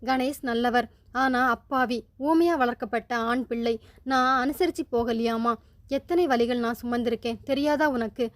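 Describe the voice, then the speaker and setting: A woman voicing a defiant, bitter young widow who speaks in sharp, cutting retorts. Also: on the high side, fairly even intonation, moderate pace, natural voice. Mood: pleading.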